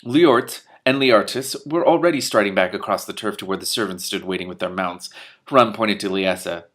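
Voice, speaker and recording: A man reads a fantasy story briskly in a lowish voice, livening up the dialogue and dropping unscripted remarks about the book. Now and then he stumbles and rereads a passage.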